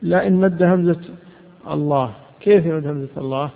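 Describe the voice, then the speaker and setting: Gravelly scholar on a tinny recording. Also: male voice, on the high side, a little fast. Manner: asks questions and answers them himself. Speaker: Islamic scholar teaching jurisprudence. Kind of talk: religious lesson explaining a legal text.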